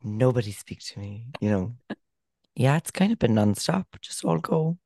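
A man's voice: fairly low pitch, big pitch swings, normal speed, dark tone, no room sound. A young man co-hosting a podcast, hungover and tired, chatting in dry, jokey banter. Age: young adult. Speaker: podcast co-host. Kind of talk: casual chat.

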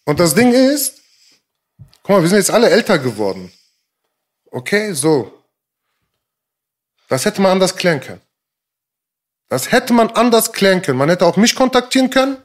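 High, lively-voiced rapper man. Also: moderate pace, long pauses. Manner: emphatic, repeats himself, keeps checking in with the listener; street slang. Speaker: rapper guest. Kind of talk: casual interview talk.

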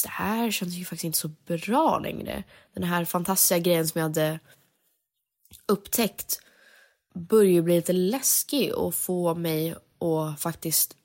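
A young woman, a singer, telling a personal story candidly and dropping English phrases into her talk. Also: fairly low pitch.

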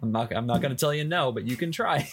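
Man, game master, casual tabletop narration, average pitch, slight background noise. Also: fast.

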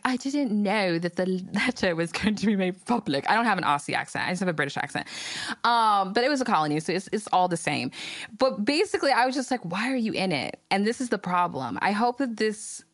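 In a lowish voice with clean studio sound and no room sound, a woman hosts a casual podcast. She reads ads and gives her opinion with plenty of slang and sass, keeping her commentary animated.

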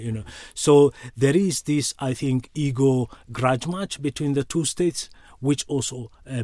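A man with an East African accent, speaking as an analyst in an interview, deliberately, often repeating words as he thinks. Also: medium pitch, a little mellow, no echo, clean studio sound. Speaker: expert analyst being interviewed. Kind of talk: spoken political analysis.

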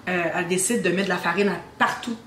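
A woman's voice: lowish voice, fast talker. Québécois woman telling a ghost story. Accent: Québécois French. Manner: animated storyteller, teasing suspense. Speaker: guest telling her story. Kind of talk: casual podcast storytelling. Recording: roomy with faint ambient noise.

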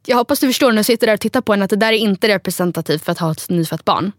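A woman's voice: mid-range voice, dry recording, clean studio sound. A young woman chatting casually as a podcast co-host, loose and full of fillers. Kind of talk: casual chat.

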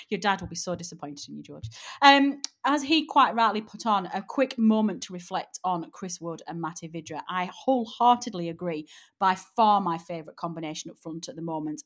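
A woman hosting a casual football podcast, lively and teasing as she steers the talk. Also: on the low side. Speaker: podcast host.

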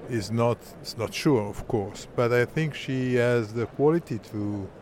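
A man from Italy, a newspaper journalist, answering in English with short pauses and fillers. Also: medium pitch, darkish tone, slight background noise. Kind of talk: interview answers.

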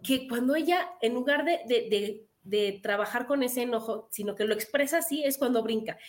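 A woman's voice: fairly high pitch, moderate pace. A woman, a guest on a radio talk show, explaining earnestly and asking herself rhetorical questions. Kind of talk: conversational radio discussion.

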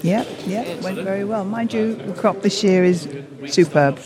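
A man's voice: high-pitched, a little slow. A man answering casually in an interview at a farm sale. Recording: crowd chatter behind.

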